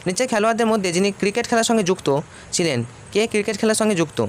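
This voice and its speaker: A man's voice: high voice, racing, a little hiss or hum. A man, teaching by reading out exam questions and repeating each answer.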